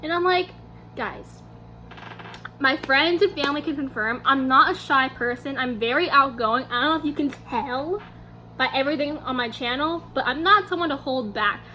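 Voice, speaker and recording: A young woman vlogger telling a story to camera in a casual, animated way, acting out her own quotes. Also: high voice, brisk, slight background noise.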